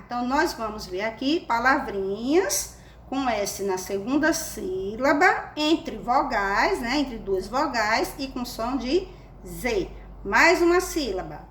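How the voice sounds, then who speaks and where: Slow Brazilian teacher sounding out syllables. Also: female voice, on the high side, expressive, a bit bright, reverberant, a little hiss or hum. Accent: Brazilian Portuguese. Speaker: reading teacher for young children. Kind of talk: children's phonics lesson.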